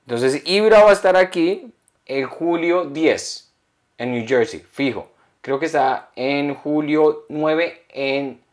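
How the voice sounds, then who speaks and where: A young man co-hosting a comedy podcast, telling stories in a lively, rambling way. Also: mid-range voice. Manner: animated, rambling storyteller. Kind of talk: casual podcast chat.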